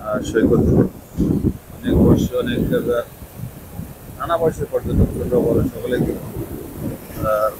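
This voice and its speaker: Bangladeshi man reporting live through loud wind noise. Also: mid-range voice, steady tone. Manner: halting, repetitive phrasing in short bursts. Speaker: live reporter showing a beach. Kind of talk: live on-location commentary. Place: outdoors on a windy sea beach. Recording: very loud wind and waves on mic. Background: wind, surf noise.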